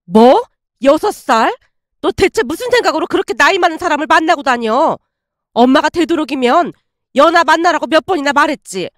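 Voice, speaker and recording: Anxious, scolding middle-aged mother, voiced by a woman; high, dry read. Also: expressive, fairly quick, fairly bright tone, no room sound. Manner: nagging, worried.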